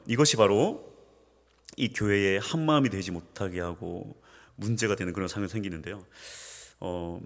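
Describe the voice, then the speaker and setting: A male pastor preaching a sermon, swinging between soft asides and emphatic peaks. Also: fairly low pitch. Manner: acts out homely dialogue with humor. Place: church sanctuary. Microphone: microphone with feedback trouble. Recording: reverberant church hall.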